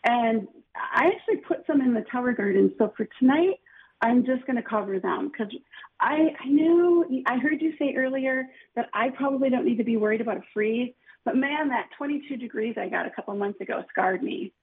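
Chatty husky woman on a phone line. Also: fairly high pitch, fairly quick. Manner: chatty, enthusiastic, lots of "like". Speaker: gardening guest. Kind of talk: casual radio call-in chat.

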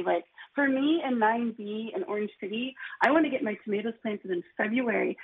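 A woman's voice: fairly high pitch, a little hiss or hum. A woman, a gardening guest talking casually and enthusiastically, lots of "like" in her speech. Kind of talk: casual radio call-in chat. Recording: tinny phone line.

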